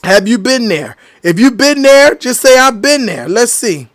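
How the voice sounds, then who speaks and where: A man's voice: extremely high pitch, very animated, measured pace, fairly bright tone. A man hosting a podcast, talking casually and earnestly with viewers and reading their comments, often repeating himself. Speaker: podcast host. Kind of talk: casual live-stream talk reading comments.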